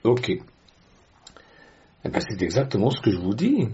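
A man's voice: lowish voice, wildly swooping pitch, normal speed, dark tone, muffled recording. A man preaching a sermon in a conversational way, with rhetorical questions and frequent hesitations.

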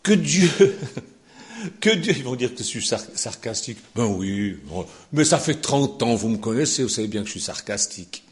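An older man preaching a sermon, sarcastic and animated, dropping to low asides and rising to shouted peaks. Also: moderate pace.

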